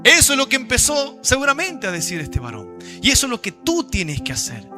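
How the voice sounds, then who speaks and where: A man's voice: very high voice, very animated, brisk, faint music behind. A male pastor, preaching a fervent sermon full of scripture quotes. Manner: fervent preaching, quoting scripture, rising to shouts.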